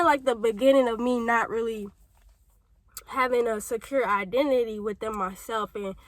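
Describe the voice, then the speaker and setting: A woman's voice: fairly high pitch, bright, forceful tone, dry recording, poor audio. A young woman from St. Louis, Missouri, with a St. Louis accent, telling her personal story in a rambling, chatty way with lots of fillers and tangents, a little congested from a cold. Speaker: vlogger. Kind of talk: personal testimony, casual talk to camera.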